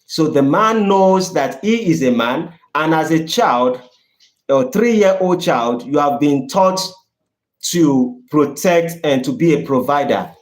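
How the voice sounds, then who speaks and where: Higher-pitched Nigerian man, roomy echo. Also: expressive, slow pace. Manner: earnest, repeats phrases for emphasis. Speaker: channel host. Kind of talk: livestream talk reading viewer donations.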